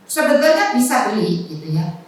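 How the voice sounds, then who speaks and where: A woman's voice: mid-range voice, sing-song, moderate pace. A woman religious teacher giving a conversational study lecture, mixing in jokes and asides. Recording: echoey room, voice from far off.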